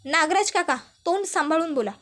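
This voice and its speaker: A woman playing a steady young wife, soothing but firm, high voice, soap retelling. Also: a little fast. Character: calm, firm young woman, loyal daughter-in-law.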